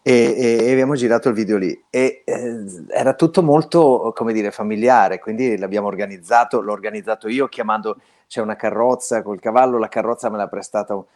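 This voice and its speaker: A man's voice: lowish voice, fairly even intonation, fairly quick, hardly any pauses, a little mellow. A man from Belluno calling in to a radio show over an internet line, chatting casually and often restarting his words. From Belluno, northern Italy. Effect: remote caller's voice over an internet line. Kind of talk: casual chat, telling a story.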